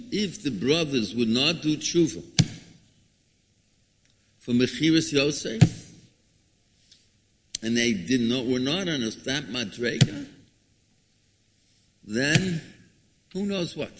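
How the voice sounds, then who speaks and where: A man's voice: mid-range voice, lively intonation, slow, long pauses, husky. A man gives a religious lecture like a rabbi, dramatic and emphatic, posing rhetorical questions and repeating himself. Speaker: rabbi giving a Torah lecture. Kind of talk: sermon, expounding scripture. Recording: echoey hall with long reverb.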